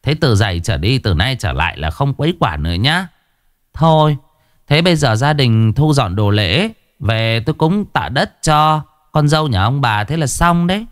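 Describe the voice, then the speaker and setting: A man voicing a boastful, sharp-tongued older female shaman who talks in a shrill, bossy way. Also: sing-song, moderate pace, no echo, studio quality, close to an everyday voice. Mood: pleased.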